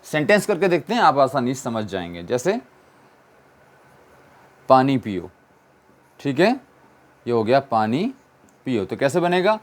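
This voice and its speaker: Speaking at a moderate pace in a medium-pitched, sing-song voice, a man explains English grammar the way a teacher would in class. He raises questions and answers them on his own, restating the key ideas.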